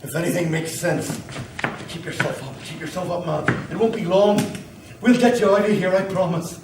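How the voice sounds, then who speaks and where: A man's voice: high voice, steady tone, moderate pace. A man playing a fireman who coaxes and reassures trapped survivors in an amateur audio drama, often repeating himself. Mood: urgent, coaxing. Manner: soothing and urgent, repeats his coaxing. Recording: roomy, distant mic, ambient noise.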